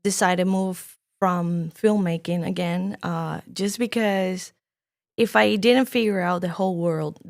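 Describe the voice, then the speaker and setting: A woman's voice: lowish voice, fairly even intonation, a little slow, vocal fry, darkish tone. A woman in her thirties from Venezuela, a native Spanish speaker with a Venezuelan Spanish accent, chatting as a podcast guest and telling her story with many fillers. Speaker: guest filmmaker. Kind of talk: casual podcast chat. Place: podcast studio room.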